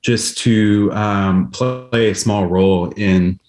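A man's voice: fairly low pitch, fairly even intonation, slow pace, darkish tone. A man who organizes a music event, speaking in a reflective, enthusiastic way on a radio interview. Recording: roomy echo.

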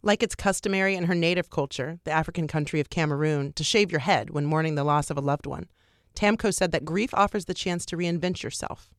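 A woman's voice: low-pitched, fairly quick, no room sound, studio quality. A woman radio host reading scripted narration for a music feature.

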